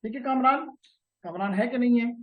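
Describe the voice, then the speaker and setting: A man's voice: extremely high pitch, a little fast, phone-quality sound. A man teaching a live networking class. He slips English technical terms into his explanations, repeats key terms and keeps checking whether students follow. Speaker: networking instructor.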